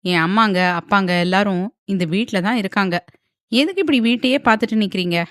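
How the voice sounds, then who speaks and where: A woman voicing a brisk young wife who speaks bluntly and wryly. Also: medium pitch, dry recording, clean studio sound, close to an everyday voice.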